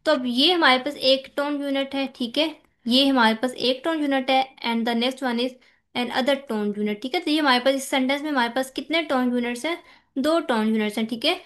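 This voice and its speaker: A woman with a Pakistani accent gives a lecture, explaining from a text in Hindi-Urdu sprinkled with English terms. She reads English lines slowly and frequently checks in with "theek hai." Her voice sits high and has a fairly bright tone.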